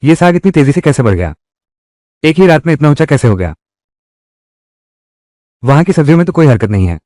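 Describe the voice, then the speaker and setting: A man voicing lines in a Hindi drama dub, with a lively conversational delivery. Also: a little high, fairly quick, dry recording, clean studio sound. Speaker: dub voice actor.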